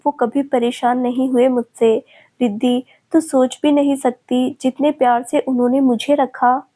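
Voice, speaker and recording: Lovesick young woman close to tears, high and mellow; female narrator doing her. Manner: pleading, tearful. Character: heartbroken young woman in love, tearful.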